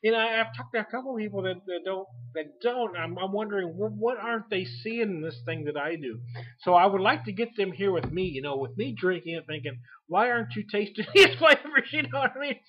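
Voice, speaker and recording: Man, forties, casual vlog, rambling folksy talk, fairly high voice, lo-fi sound. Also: lively intonation, brisk. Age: 40s. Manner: rambling, laughs often, folksy. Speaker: beer reviewer vlogger. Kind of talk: casual chat. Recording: lo-fi home recording.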